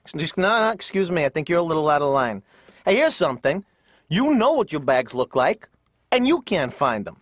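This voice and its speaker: An actor playing a cartoon therapy patient, ranting in an exasperated stand-up style, recorded dull and dry. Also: male voice, on the high side, big pitch swings, normal speed, dry recording. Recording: dull dry lo-fi studio track.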